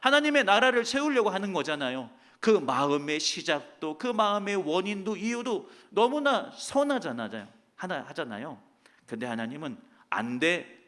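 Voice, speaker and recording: A man preaching a Sunday sermon with a fairly high, bright voice that rises and falls with great animation. He is emphatic, swinging from ringing declarations down to hushed asides, as a pastor speaking to his church. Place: church sanctuary.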